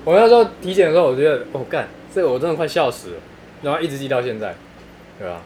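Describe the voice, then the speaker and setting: A man's voice: fairly high pitch, sing-song, rapid-fire, a little mellow, a little hiss or hum. A man with a Taiwanese Mandarin accent telling funny stories in casual chat, laughing often and using crude slang.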